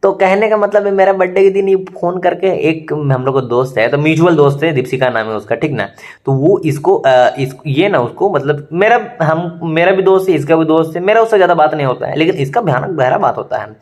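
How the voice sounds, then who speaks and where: A young man telling a school story in a chatty, animated way, full of asides to his listener. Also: on the high side, brisk. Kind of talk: casual storytime vlog.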